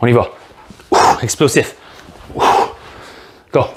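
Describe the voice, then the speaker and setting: A man's voice: mid-range voice, slow pace, slight background noise. Man, Québécois French accent, fitness coach, guided workout, upbeat, joking, counts reps aloud, mid-range voice.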